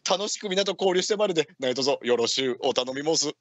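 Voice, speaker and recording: A man's voice: on the high side, expressive, brisk, no room sound. A man hosting a live radio show in a ninja leader persona, chatting in theatrical, archaic samurai-style speech with lordly wording. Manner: theatrical, old-fashioned lordly wording like an elder warrior.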